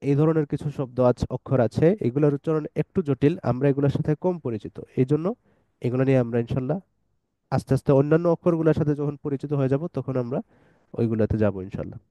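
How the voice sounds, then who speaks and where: A man teaching an online tajweed lesson, explaining letter sounds patiently step by step and reciting verses slowly. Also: medium pitch, warm tone, dry recording, highs cut off.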